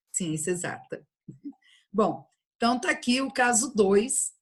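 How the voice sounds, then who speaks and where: A math teacher with a Brazilian Portuguese accent teaches an online calculus class, patiently explaining every step and checking in with her students. Her voice is mid-range and slightly rough.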